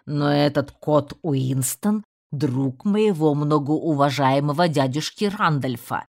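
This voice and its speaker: A woman voicing a bossy young male rat in an audiobook, speaking in a brisk, commanding way. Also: deep voice, exaggerated voice.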